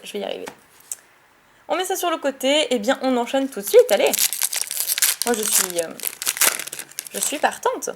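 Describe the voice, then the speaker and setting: A woman chatting excitedly while opening trading card packs, giggly and quick to correct herself. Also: on the high side, slight background noise. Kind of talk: casual card-opening vlog.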